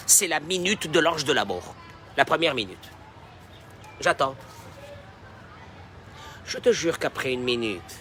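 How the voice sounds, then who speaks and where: A man preaching a sermon as a rabbi, dropping in Hebrew phrases and swinging from quiet talk to shouting. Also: a little high, a little hiss or hum. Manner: mixes Hebrew phrases into his speech.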